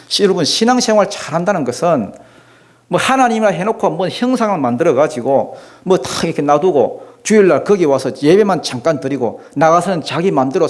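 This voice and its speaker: A male pastor with a Gyeongsang accent preaching a sermon in a church, emphatic and full of rhetorical questions and folksy asides. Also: fairly high pitch. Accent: Gyeongsang Korean. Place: church sanctuary.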